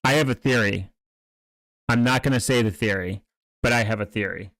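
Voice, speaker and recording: A man's voice: on the low side, fairly bright tone, no echo. Rambling man in casual commentary, close dry sound. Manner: halting, rambling, often trails off and restarts mid-thought. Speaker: streamer reacting to online videos and channels.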